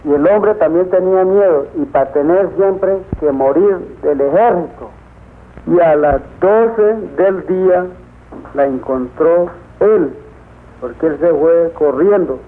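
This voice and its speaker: Man retelling events over tinny old sound. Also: a little high. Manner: plain, halting retelling. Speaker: witness recounting events. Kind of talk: spoken testimony.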